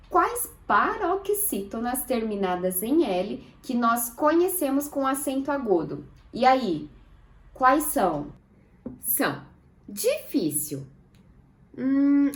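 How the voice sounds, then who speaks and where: A Brazilian woman teaching a recorded lesson to schoolchildren. She talks slowly, stretching words out syllable by syllable and putting questions to her pupils. Her voice sits a bit high and swings widely in pitch. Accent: Brazilian Portuguese.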